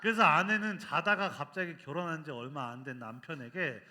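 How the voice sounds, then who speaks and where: A man preaching at a children's worship service, telling a funny story with lively energy and quizzing the kids with questions as he goes. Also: on the high side, a little fast.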